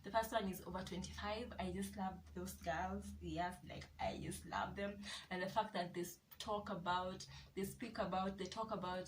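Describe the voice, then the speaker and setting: A young Kenyan woman vlogs in a casual, chatty way, often circling back with little yeses. Her voice sits at an ordinary middle pitch. She is a bit off-mic, and a faint hum of room noise sits underneath. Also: steady tone, normal speed, recorded from a distance, rough recording. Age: 20s. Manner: chatty, repeats herself with many yeses. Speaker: vlogger. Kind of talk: casual chat to camera.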